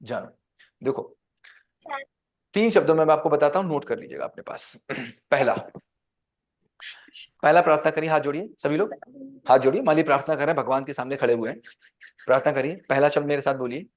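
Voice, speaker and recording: High-voiced man teaching a class. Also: a little fast, pauses often. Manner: quizzes the class with call-and-response questions. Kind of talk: interactive class lecture.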